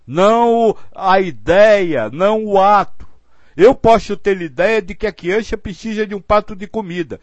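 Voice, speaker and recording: High-voiced man giving spiritual guidance. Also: expressive, normal speed, no echo. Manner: earnest, explanatory, acts out example phrasings. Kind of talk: spiritual teaching talk.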